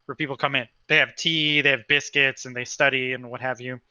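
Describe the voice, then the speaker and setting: A man's voice: mid-range voice, little pitch movement, a little fast, sharp tone, smooth, no room sound. A man narrating a tabletop game as game master, in a casual, rambling way with lots of fillers.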